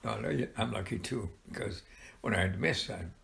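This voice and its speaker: An elderly man with a gravelly grandpa voice, telling childhood stories informally in a halting, rambling way with frequent pauses. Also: on the low side, lively intonation, a bit bright. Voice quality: gravelly, creaky. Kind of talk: informal oral storytelling.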